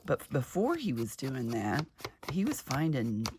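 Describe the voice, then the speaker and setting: A middle-aged craft vlogger chats casually as she crafts, her very deep voice a little gravelly from just waking up. Very animated yet unhurried, she rambles warmly from story to story over a noisy background.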